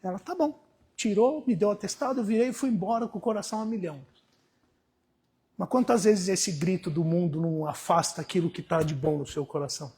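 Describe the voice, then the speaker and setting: A pastor with a Brazilian Portuguese accent gives a brisk sermon in a husky voice that sits high. At times he lowers to a hushed storytelling tone, and at others he shouts out exhortations.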